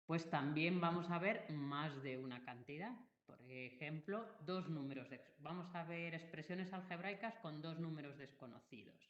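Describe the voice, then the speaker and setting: A woman's voice: sits low, moderate pace, hardly any pauses. A woman teaching a math class, explaining patiently step by step and checking that students follow. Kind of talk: classroom lesson. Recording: roomy, dull lo-fi recording.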